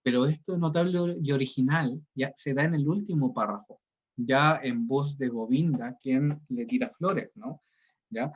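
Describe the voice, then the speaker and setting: A man's voice: mid-range voice, a little slow, breathy edge. A male teacher, giving an online reading class and explaining each step, often checking in with the students. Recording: dull lo-fi sound.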